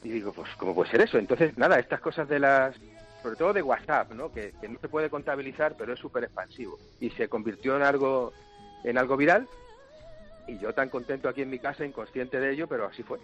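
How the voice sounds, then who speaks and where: A musician being interviewed on the radio, telling stories in a chatty, joking way. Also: male voice, medium pitch, fairly quick, a bit bright, highs cut off, faint music behind. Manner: chatty, jokey storyteller. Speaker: musician guest.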